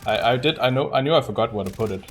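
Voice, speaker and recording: A man streams himself speedrunning a game, talking very fast in a mid-range voice with casual, chatty commentary and the occasional swear word. There's slight background noise.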